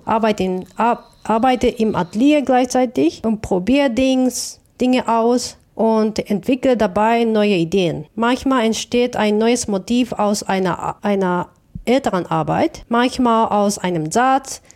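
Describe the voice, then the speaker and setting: Artist woman from Japan, Japanese native speaker, warm mellow tone, measured and reflective, some self-corrections. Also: fairly high pitch. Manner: careful, thoughtful, with small restarts. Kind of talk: interview answers.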